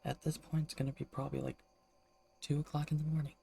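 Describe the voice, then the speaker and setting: Streamer, sex ambiguous: low-key, hushed, mellow and creaky, casual chat delivered quietly so housemates aren't disturbed. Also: flat delivery, quick pace, faint music behind. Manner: speaks low and hushed so as not to disturb roommates. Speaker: game streamer. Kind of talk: casual livestream chat over a game, kept hushed.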